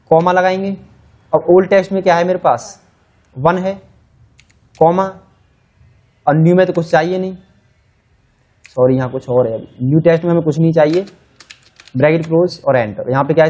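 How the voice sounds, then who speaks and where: A man's voice: a little high, darkish tone. A man teaching a spreadsheet tutorial in a casual, chatty way, talking through each step as he types and correcting himself as he goes. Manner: casual, conversational, thinking aloud while typing. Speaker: Excel instructor. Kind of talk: screen-share tutorial.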